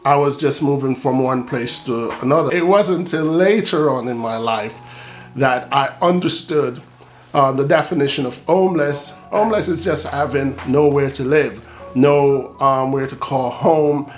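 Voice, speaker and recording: A middle-aged man from Jamaica, an author, talking casually and reflectively with frequent pauses and ums. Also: mid-range voice. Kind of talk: casual talk to camera. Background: soft guitar music.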